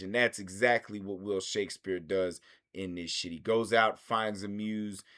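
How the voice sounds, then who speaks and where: A man's voice: fairly low pitch, fairly bright tone. A man reviewing films in a rambling, casual monologue, swearing constantly. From United States. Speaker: film reviewer.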